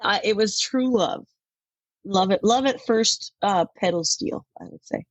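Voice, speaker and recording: A woman's voice: mid-range voice, a little slow, dry recording. A middle-aged woman from Denmark, a country music artist, chatting animatedly in an interview and laughing often. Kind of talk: casual interview talk.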